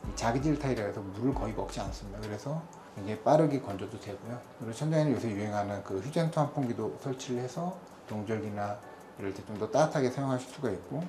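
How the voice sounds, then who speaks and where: A man who heads an interior design firm, explaining renovation details in a brisk, technical, matter-of-fact way. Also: fairly low pitch, dark tone, echoey room. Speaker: interior design company head.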